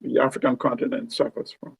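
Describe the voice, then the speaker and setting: A man talks as an interview guest, laying out his reasoning in a measured, explanatory way. His voice has a gravelly edge and a middling pitch, and it sounds dry and close with little room. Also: flat delivery, dry recording, low-quality recording. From Uganda. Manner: measured, explanatory, tags points with "you know" and "right?". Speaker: guest commentator. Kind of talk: conversational discussion.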